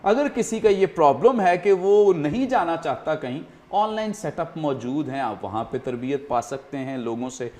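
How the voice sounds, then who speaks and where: A man's voice: on the high side, lively intonation, hardly any pauses, a little mellow. A man hosting a studio talk show, explaining earnestly and often using fillers. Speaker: host.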